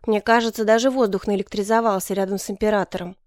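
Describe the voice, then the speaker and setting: A woman reading a first-person story aloud in a calm, wry way. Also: medium pitch, quick pace, no echo, clean studio sound. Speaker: audiobook narrator. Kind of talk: first-person scripted narration.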